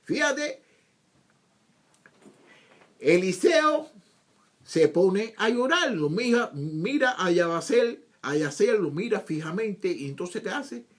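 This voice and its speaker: A man's voice: high voice, big pitch swings, slow pace, long pauses. A man teaching scripture, reading verses aloud and explaining them in his own words, often repeating himself and asking rhetorical questions. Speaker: Bible teacher.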